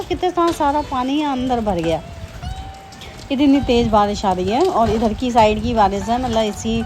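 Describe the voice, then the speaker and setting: A woman's voice: mid-range voice, background noise. Chatty woman vlogging at home. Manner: rambling, chatty, many fillers and restarts. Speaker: vlogger, homemaker. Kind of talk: casual daily vlog chat. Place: home during heavy rain. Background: faint rain and ambience.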